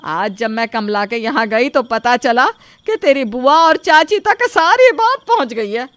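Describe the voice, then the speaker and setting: A woman voicing a sharp-tongued middle-aged mother-in-law who scolds sarcastically. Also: high voice, animated, unhurried, no echo. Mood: scolding.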